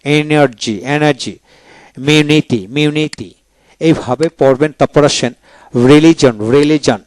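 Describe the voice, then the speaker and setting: A man teaching a pronunciation lesson, reading each English word twice in a slow, repetitive drill. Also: fairly high pitch, a little mellow, no room sound.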